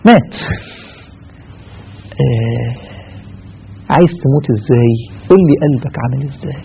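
A man's voice: mid-range voice, quick pace, gravelly, narrow, tinny audio, a little hiss or hum. A man with an Egyptian accent preaching a sermon, telling stories with passion. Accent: Egyptian Arabic. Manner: impassioned storytelling.

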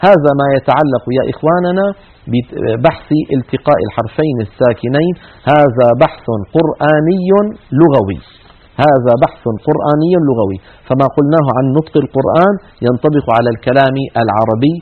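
A man's voice: medium pitch, slightly rough. A man teaching a lesson on Quranic Arabic grammar, reading out examples with emphasis and repeating key points. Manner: explains slowly, reads examples aloud with emphasis, repeats points. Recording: tinny phone-like broadcast sound.

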